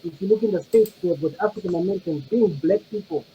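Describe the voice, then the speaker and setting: Man panelist with a high voice, halting and reflective, muffled lo-fi audio. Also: mellow, slight background noise. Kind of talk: casual panel discussion.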